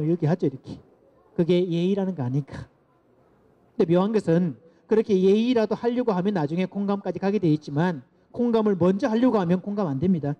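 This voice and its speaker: A middle-aged man giving a lecture to parents, lively and asking the audience to repeat phrases after him. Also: high voice. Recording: dull lo-fi lecture recording.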